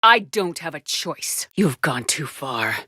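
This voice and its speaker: Commander Shepard, low-voiced, resolute military commander. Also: female voice, very animated, takes it slowly, sharp tone, slightly rough, no echo, clean studio sound, exaggerated voice. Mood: hard, threatening. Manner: firm, commanding, blunt. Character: resolute, tough female military space commander. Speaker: video game voice actor. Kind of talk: cinematic sci-fi game dialogue.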